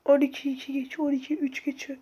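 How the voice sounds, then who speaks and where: A high-pitched woman playing a horror game and commentating as she goes. She is sick with a sore throat, yet still yells, curses and panics at every scare, then drops to tense mutters. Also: flat delivery, fast talker. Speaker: gaming video host. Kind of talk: excited let's-play commentary.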